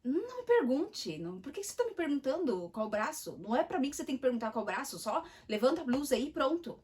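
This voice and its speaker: A woman's voice: sits high, big pitch swings, fast talker, darkish tone, far from the mic, pitched above the performer's own voice. A woman imitating a curt, impatient female hospital nurse who scolds a patient. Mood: scolding. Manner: snapping, scolding.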